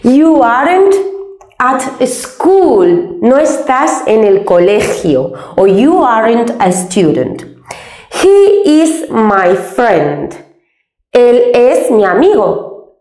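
Brief Spanish-accented woman English teacher, slow and lively, roomy echo. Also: on the high side. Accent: Spain Spanish. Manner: slow, patient, spells out English examples. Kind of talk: step-by-step grammar lesson.

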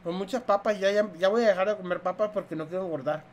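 A man's voice: high-pitched, quick pace, slight background noise. Young Mexican-accented man, food vlogger, jokey and foul-mouthed, chewing and humming between bites. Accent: Mexican Spanish. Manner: joking, slangy and profane, chews between lines. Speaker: food reviewer. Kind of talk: casual eating review vlog.

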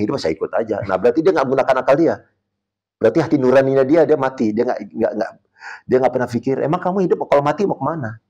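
A man talks on a podcast, telling a story with lively swings in pitch and loudness. He acts out the voices of the people he quotes and slips English words into his talk. He speaks as a martial arts coach. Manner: mixes English words into speech.

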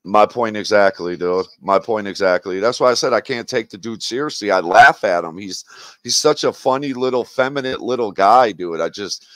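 A man's voice: fairly low pitch, moderate pace, fairly bright tone, dry recording. A man hosting a casual livestream chat, talking in a blunt, profane and mocking way. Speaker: livestream host.

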